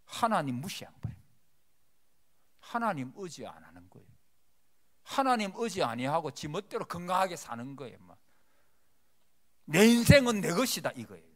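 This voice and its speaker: A man preaching a sermon in a church. He swings between loud declarations and hushed whispers, and acts out prayers in a pleading voice. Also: fairly high pitch, sing-song, moderate pace, pauses often. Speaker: pastor. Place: church sanctuary.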